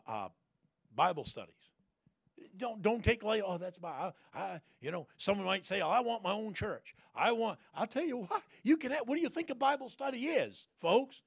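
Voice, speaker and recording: A man preaching a folksy sermon, repeating phrases and sometimes bursting into loud shouted prayers. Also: sits high, vocal fry, slightly rough, no echo, studio quality.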